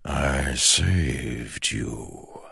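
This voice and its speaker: A man voicing an ancient, menacing male shadow spirit in an audiobook, speaking in a slow, hushed, purring way. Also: a bass voice, expressive, creaky, slightly rough, dry recording, studio quality, full character voice. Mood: cold. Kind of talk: audiobook character voice.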